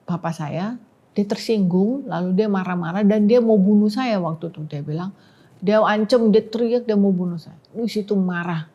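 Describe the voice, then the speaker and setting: Woman guest, heartfelt testimony, warm low tone, dull lo-fi recording. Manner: emotional storytelling, quoting prayers softly. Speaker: podcast guest. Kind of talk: personal testimony in a talk show.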